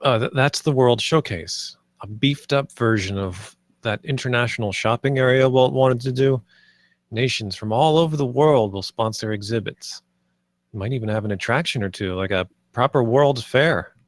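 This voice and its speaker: A man reads the part of Marty, a nervous, visionary theme park planner, earnest and idealistic, in a screenplay table read. His delivery is enthusiastic yet a little hesitant, in a mid-range voice at normal speed that's close to how he'd normally talk. The studio sound is clean, with no room sound.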